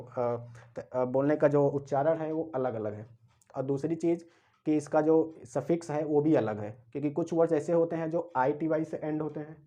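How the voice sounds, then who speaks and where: In a classroom-style grammar lecture, a man teaches English step by step, asking and answering his own questions. He spells out and repeats words slowly. His voice is fairly high-pitched and dark-toned, and the audio sounds dull.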